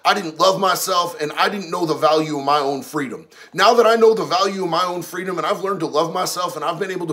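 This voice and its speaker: A man's voice: sits high, a bit bright. A man casually chatting on a livestream, reading out viewer messages and answering in a slangy, candid way. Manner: slangy, candid, talks about prison life.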